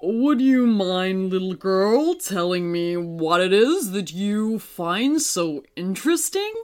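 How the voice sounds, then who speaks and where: A woman voicing the gentle old man in the moon. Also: medium pitch, sing-song. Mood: kindly, wondering. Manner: slow, kindly, wondering. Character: gentle ancient male moon, kindly and slow.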